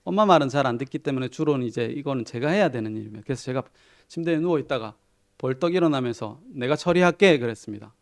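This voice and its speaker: A middle-aged man preaching a sermon in a chatty, self-deprecating storytelling way, with soft chuckles and quiet asides. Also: medium pitch, lively intonation, fast talker, gravelly. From Korea. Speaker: pastor.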